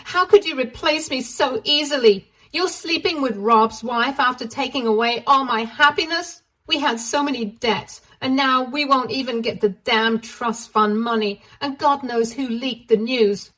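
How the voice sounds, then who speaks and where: A woman's voice: medium pitch, slow pace, natural voice. A woman voicing a scornful cheating ex-wife who pouts, whines and accuses. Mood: accusing. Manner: pouting, whiny and accusing.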